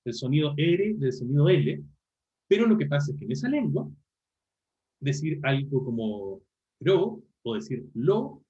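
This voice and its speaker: A man teaches a university class online, his pitch a little high and very animated. He keeps checking in with the students and corrects himself as he goes. The audio is muffled and lo-fi, like a video call. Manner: explanatory, frequent tag questions and self-corrections. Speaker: university lecturer. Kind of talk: online linguistics lecture.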